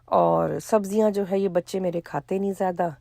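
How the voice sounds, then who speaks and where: A middle-aged woman, chatting casually in a cooking vlog, hoarse for now and full of chatty asides. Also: mid-range voice, steady tone, dark tone, dry recording, studio quality. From Pakistan. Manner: chatty, storytelling with asides and quoted dialogue. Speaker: vlogger.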